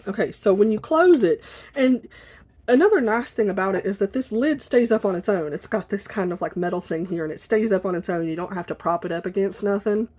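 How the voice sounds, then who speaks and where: A woman chatting casually and informally at her desk for a video, in an apologetic, rambling way, with a squeaky chair that may creak behind her. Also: lively intonation, a little fast, darkish tone. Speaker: video blogger. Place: at a desk indoors.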